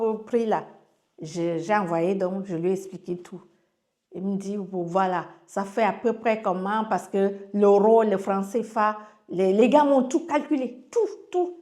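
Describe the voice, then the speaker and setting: A woman from Cameroon, speaking with a Cameroonian French accent, tells a personal testimony in casual storytelling style. Her voice is mid-range and a little mellow. She often uses fillers and restarts as she recounts what others told her.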